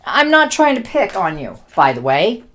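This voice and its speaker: A woman's voice: medium pitch, big pitch swings, moderate pace, fairly bright tone. A woman giving a casual tarot reading, blunt and joking, swearing freely. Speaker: tarot reader.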